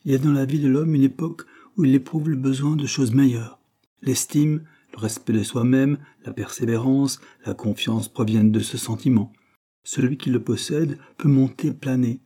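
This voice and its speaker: A male narrator reads a classic novel aloud at a steady, measured pace. His voice is warm and mellow with a slightly husky edge. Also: medium pitch. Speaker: audiobook narrator.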